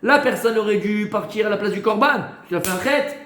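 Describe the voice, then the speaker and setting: High-voiced man teaching a Torah class. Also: lively intonation, fairly quick, a bit bright, echoey room, slight background noise. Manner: asks questions and answers them himself; hesitant fillers and repeated words.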